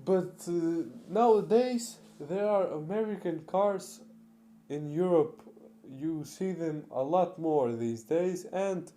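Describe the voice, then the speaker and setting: Slow, mellow-voiced teen guy. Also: a little high, faint music behind. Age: teens. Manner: halting, many fillers and restarts. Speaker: car vlogger. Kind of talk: casual vlog talk.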